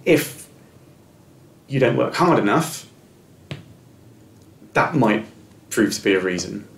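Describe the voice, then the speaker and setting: With a fairly low, creaky, expressive voice and a slow pace, a middle-aged interview guest gives sincere, encouraging advice, stammering through repeats and restarts. The reflective interview is recorded in an echoey room with faint music and slight background noise.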